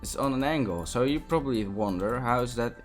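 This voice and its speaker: Brisk and animated, a young man from the Netherlands speaks in a medium pitch with a Dutch accent while explaining a Minecraft build as a tutorial host. The commentary is casual and eager, packed with fillers and restarts, and faint music plays behind him.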